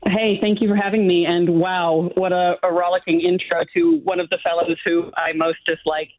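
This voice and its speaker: A woman guest serving as a show judge, not from New Zealand, talks at a normal speed in a lowish voice during a remote interview. She sounds animated and self-assured and laughs often, heard over a thin, phone-like call line.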